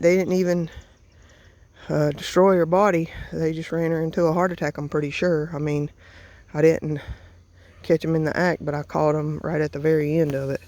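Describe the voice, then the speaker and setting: A woman's voice: deep voice, flat delivery, moderate pace, dark tone, no room sound. A middle-aged woman with an Appalachian accent, talking hurriedly and emotionally in a casual vlog, out of breath. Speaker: homestead vlogger.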